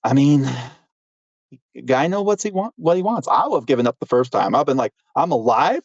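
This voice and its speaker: A man's voice: on the high side, sing-song, fairly quick, no echo, muffled recording. A man co-hosting a history podcast, telling the story in a playful, joking way. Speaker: podcast co-host. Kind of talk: casual history podcast chat.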